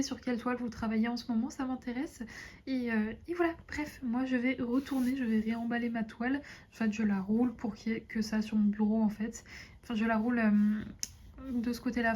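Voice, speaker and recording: A young woman chatting casually to her viewers from her desk at home, relaxed and full of hesitations. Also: fairly high pitch, a little hiss or hum. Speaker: vlogger. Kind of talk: casual chat to camera. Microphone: phone camera.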